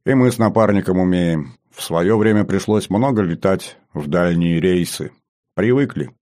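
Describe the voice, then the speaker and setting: A man reading the part of a calm, matter-of-fact man who once flew long military cargo flights, in an audiobook. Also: deep voice, normal speed, close to an everyday voice.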